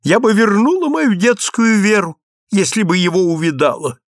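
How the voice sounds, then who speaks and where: A man's voice: animated, normal speed, no echo, clean studio sound. A man reading aloud and voicing a gushing, theatrical society lady with breathless, exalted speech. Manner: breathless, exalted, swooping high.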